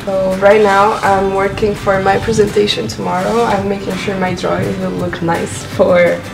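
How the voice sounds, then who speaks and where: Gravelly young Frenchwoman, echoey studio. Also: mid-range voice, flat delivery, normal speed. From France. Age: young adult. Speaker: third-year architecture student. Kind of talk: casual interview. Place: architecture studio indoors. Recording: very echoey room from a distance, music over.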